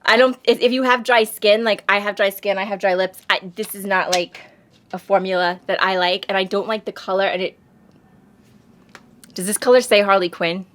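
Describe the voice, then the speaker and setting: Speaking at a normal pace with fairly even intonation, this woman has a mid-range, fairly bright voice and a Long Island accent. She's a US beauty vlogger rambling through a casual, self-deprecating makeup review, slightly sniffly from allergies.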